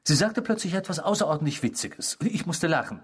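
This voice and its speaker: In a radio drama, a male character from the Netherlands plays an eerie, obsessive stranger confessing a past crime in first-person storytelling. His husky voice sits on the high side, moving quickly with lively intonation and a smug, intimate mood. He is theatrical and unrepentant, savouring every detail and mimicking the people he quotes.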